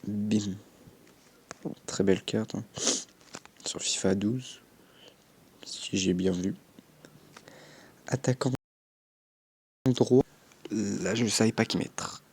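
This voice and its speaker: A man's voice: on the low side, steady tone, slow, long pauses, darkish tone, husky. A young man chatting casually as a gaming YouTuber, commenting on his game with offhand swearing and little sound effects.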